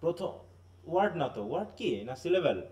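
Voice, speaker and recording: A male teacher from Bangladesh lectures in a live online class, his voice sitting back from the mic. He walks through each point patiently, slips English terms into his talk and often pauses to ask whether everyone is following. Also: high voice, lively intonation, mellow, recorded from a distance. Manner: explanatory, often checks understanding with tag questions; mixes in English terms and phrases.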